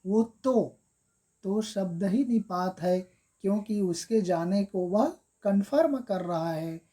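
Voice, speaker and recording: Slow, mellow-voiced woman teaching grammar. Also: mid-range voice. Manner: slow, repeats examples with stress on key words; addresses viewers as friends, step-by-step explaining. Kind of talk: exam-prep grammar lesson.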